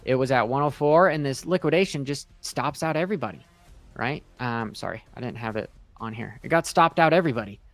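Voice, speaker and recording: A man's voice: medium pitch, brisk, no room sound, soft background music. A man giving casual livestream trading commentary, emphatic and repetitive with frequent check-ins, speaking with half his face numb from the dentist. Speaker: crypto trading streamer.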